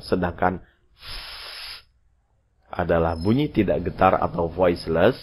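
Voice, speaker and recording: A man teaching an English lesson, repeating his instructions and slowly spelling out example phrases. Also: deep voice, breathy edge. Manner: slow, drawn-out model pronunciations of English phrases.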